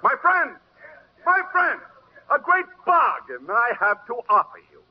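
A jovial, mocking horse dealer jeers in a very high voice that leaps all over the place. The old radio recording is muffled, with a faint hiss. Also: male voice, expressive, moderate pace. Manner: mocking, showy, laughing. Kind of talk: old-time radio drama acting.

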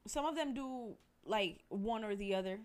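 A woman's voice: medium pitch, moderate pace. Young woman talking real blunt, cusses a lot, casual podcast chat. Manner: blunt, profane, emphatic with filler phrases.

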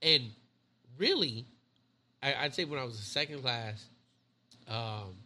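A man's voice: medium pitch, animated, unhurried, pushed and bright. A man in his thirties, a Navy chief co-hosting a podcast, telling rambling stories in casual chat and swearing a lot. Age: 30s. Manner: profane, rambling storyteller.

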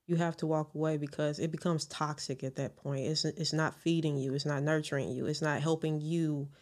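A woman guesting on a casual podcast as the host's best friend, giving calm, measured advice with some playful teasing. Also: low voice.

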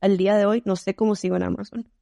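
A woman from Costa Rica with a Costa Rican accent, a podcast guest telling her story in a candid, animated way. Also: mid-range voice, quick pace, creaky, no room sound, studio quality. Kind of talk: casual podcast conversation.

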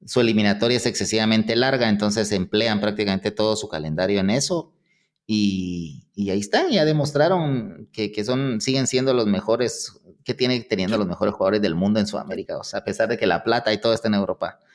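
A man's voice: on the low side, fairly quick. A man with a Guatemalan accent co-hosting a podcast, chatting casually and with firm opinions about football. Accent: Guatemalan Spanish. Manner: opinionated, reasons aloud. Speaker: podcast co-host.

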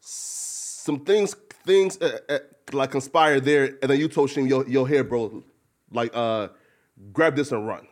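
A man's voice: mid-range voice, unhurried. A man interviewing in a casual, slangy, hyped-up bro style, peppering his talk with bro, like and right. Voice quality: slang-heavy speech.

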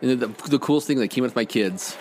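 A man's voice: mid-range voice, quick pace, darkish tone, a little hiss or hum. A middle-aged man who owns a diner, chatting casually on a podcast and telling rambling, enthusiastic stories. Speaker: diner owner. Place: diner dining room.

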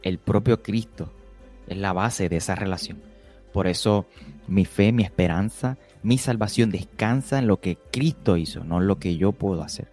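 Man, very low voice, measured scripture talk, repeats words, faint music behind. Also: warm tone. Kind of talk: conversational Bible teaching.

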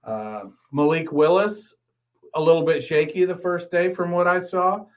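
A man with a slightly higher voice co-hosts a casual football podcast. He talks in a measured, analytical way, weighing one point after another. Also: rough recording. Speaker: podcast co-host. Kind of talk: casual sports talk and ad read.

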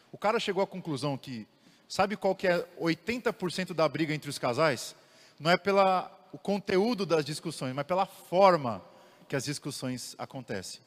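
A young Brazilian man teaching the Bible in a lively way, asking his listeners rhetorical questions. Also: a little high. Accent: Brazilian Portuguese. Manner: animated, asks the audience rhetorical questions. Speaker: theology teacher. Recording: long reverb of a large room.

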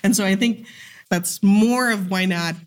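A woman in her forties from the Philippines, a guest telling stories in an animated, chatty way. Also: mid-range voice, unhurried. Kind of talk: casual interview chat.

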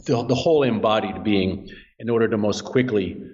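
Measured, low-voiced man on a dull line. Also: darkish tone. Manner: measured, earnest, repeats words while thinking. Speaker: author and Zen teacher. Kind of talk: podcast interview.

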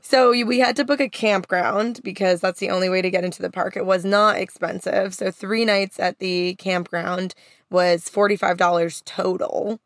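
A woman's voice: medium pitch, steady tone, moderate pace, no room sound, clean studio sound. A woman co-hosting a podcast in casual, conversational chat, recorded inside a parked van. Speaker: podcast co-host.

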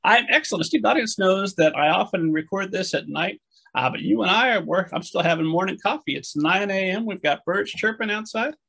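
A man's voice: high-pitched, fairly quick, creaky, sharp tone, slightly rough. A man hosting a podcast interview, jokey and upbeat, with casual fillers. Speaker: podcast host.

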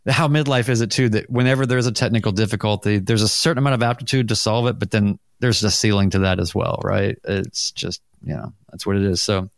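A man's voice: fairly low pitch, steady tone, a little fast, creaky, hardly any pauses, no echo, studio quality. A middle-aged man hosting a casual podcast chat, rambling and self-deprecating, laughing often, on a mic over a video call. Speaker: podcast host.

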